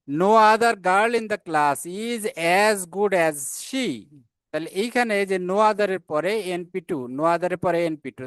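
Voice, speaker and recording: A man's voice: high voice, fairly bright tone, clear, resonant tone, no room sound. A man teaching an English grammar lesson, explaining patiently and spelling out words and key terms. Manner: reads English examples at a slow, careful pace.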